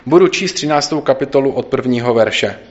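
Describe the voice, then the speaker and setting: A man preaching a sermon at a church service and reading scripture aloud, earnestly slowing for emphasis. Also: medium pitch. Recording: dull lo-fi recording.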